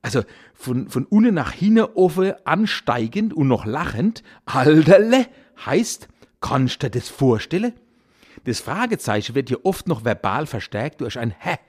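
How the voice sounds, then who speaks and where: A man's voice: medium pitch, sing-song, normal speed, a little mellow, husky. Direction playful Palatinate-accented cabaret man. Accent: Kurpfalz (Palatinate) German. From Kurpfalz region, Germany. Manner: playful, theatrical, exaggerated intonation, chuckling. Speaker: cabaret artist, podcast host. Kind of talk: comic dialect monologue.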